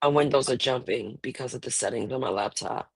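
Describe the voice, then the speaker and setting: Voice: medium pitch, fast, creaky, slightly rough, no room sound, rough recording. A laid-back podcast host talking casually from home through wireless earbuds, the voice chopped and thinned by noise cancellation. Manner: laid-back, rambling, loud exclamations. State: sleepy, just out of bed. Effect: voice clipped by earbud noise cancellation. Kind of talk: casual chat. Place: home, at a computer.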